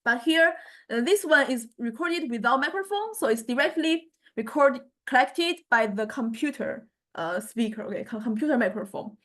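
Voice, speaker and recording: A university music technology lecturer with a Chinese accent and a fairly high-pitched, animated voice teaches an informal software tutorial. She speaks haltingly into a small condenser microphone, repeating words and often adding small checking tags.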